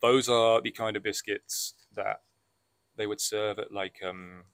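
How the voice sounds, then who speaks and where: A man's voice: lowish voice, fairly even intonation, unhurried, a bit bright, clear, resonant tone. A man co-hosting a podcast in casual chat, with a wry, self-mocking manner, laughing at his own jokes. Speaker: podcast co-host.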